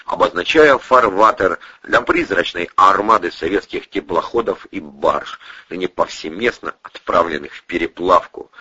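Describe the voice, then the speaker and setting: A man with a husky voice narrating an audiobook expressively, voicing every character himself, in a dull, dry recording. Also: low-pitched, sharp tone, no echo.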